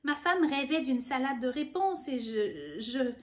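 A woman's voice: high voice, expressive, measured pace, pitched above the performer's own voice. A woman voicing a frightened husband in a storybook reading, pleading in a trembling voice.

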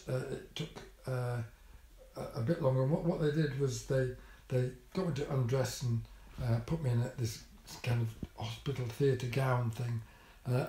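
In a casual vlog shot in an echoey room, an older man shares a hospital-visit story in a dark, mid-range voice. He's drily wry, stumbling through many ums and restarts.

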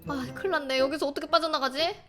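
A woman bantering excitably through gameplay with some playful skit acting, in an exclamatory way. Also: sits high, fast talker. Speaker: gaming video creator. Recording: loud music under the voice. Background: background music.

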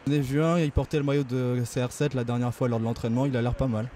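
A man's voice: mid-range voice, flat delivery, fast talker, dark tone. A young man gives matter-of-fact answers in a street interview.

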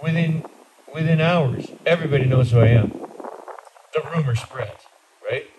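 Speaking a little high and at a moderate pace, a priest in his sixties with an Upper Midwest American accent delivers a plain-spoken, conversational homily. He stands under a canopy on an outdoor garden patio, captured by a far-off camera amid noisy surroundings.

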